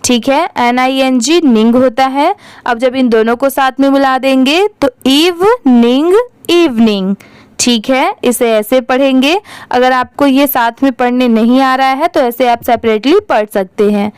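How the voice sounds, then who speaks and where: A woman's voice: sits high, unhurried, a little mellow, smooth, no echo, rough recording. A woman with a Hindi accent teaching English reading. She spells each word letter by letter and then asks the class how to read it. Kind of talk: slow spelling-out reading lesson.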